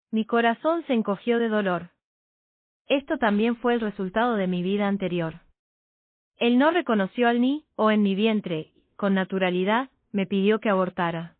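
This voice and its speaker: A woman narrating a first-person romance story in a steady, measured way. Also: mid-range voice, dry recording. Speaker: audiobook narrator. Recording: dry, tinny phone-like sound.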